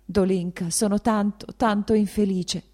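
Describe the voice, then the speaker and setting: A woman voicing a proud, hurt young woman who speaks in sharp, agitated outbursts in an audiobook. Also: medium pitch, steady tone, unhurried, pitched above the performer's own voice, close to an everyday voice. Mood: tearful. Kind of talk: audiobook dialogue acting.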